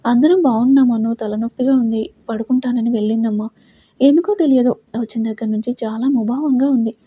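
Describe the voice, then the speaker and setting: Lady doing a soft caring mother-in-law, mellow and kinda husky. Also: fairly high pitch, fairly even intonation, brisk, muffled recording. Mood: concerned. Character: gentle older mother-in-law.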